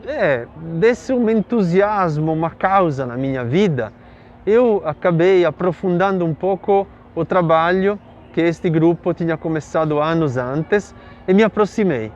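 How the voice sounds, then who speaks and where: A middle-aged Italian man with an Italian accent speaks in a fairly high voice, unhurried and reflective. He is a priest who fills his talk with small pauses and tag questions. The sound is a little muffled, with faint city traffic behind him. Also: expressive, a little mellow. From Italy. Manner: thoughtful, with fillers and tag questions. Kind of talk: interview answer, telling his story.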